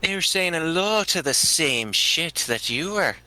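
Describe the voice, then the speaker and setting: A man's voice: on the high side, expressive, a little slow, pushed and bright, pitched above the performer's own voice, heavily acted, poor audio. A man voicing a tough, coarse woman adventurer, blunt and swaggering. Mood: scornful.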